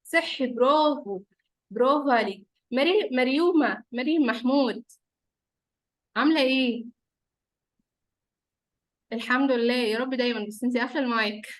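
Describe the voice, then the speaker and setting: High-voiced Egyptian woman teaching small children. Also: a little fast, pauses often, poor audio. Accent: Egyptian Arabic. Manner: talking as to small children: simple questions, repeats, praise, coaxing. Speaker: teacher leading an online class of young children. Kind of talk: interactive lesson for small children. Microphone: computer or phone on a video call.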